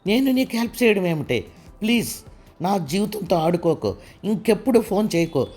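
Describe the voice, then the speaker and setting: Scared young wife, trembling and pleading, raised pitch, man reading her. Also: very animated, moderate pace, darkish tone, soft background music. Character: frightened young married woman, pleading. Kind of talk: audiobook character reading.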